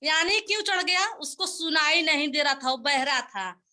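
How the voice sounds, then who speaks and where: A woman's voice: sits high, normal speed, pushed and bright. A woman giving a motivational speech at a sales meeting, telling folksy parables and repeating her points to press them home. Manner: folksy, repetitive, exhorting.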